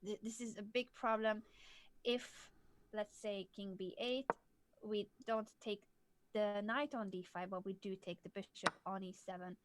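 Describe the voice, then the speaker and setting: A woman's voice: mid-range voice, steady tone, measured pace. A young woman from southern Hungary, explaining chess moves in a casual livestream lesson and laughing often. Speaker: chess coach.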